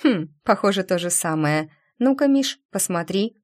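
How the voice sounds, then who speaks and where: A woman voicing an excitable young female friend who talks loudly and eagerly. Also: medium pitch, natural voice. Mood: excited. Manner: loud, eager, quick to cheer up.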